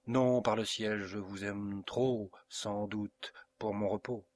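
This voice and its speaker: Man doing an impassioned noble count, audiobook reading, pleading, vehement, slow. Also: fairly low pitch, fairly even intonation, darkish tone.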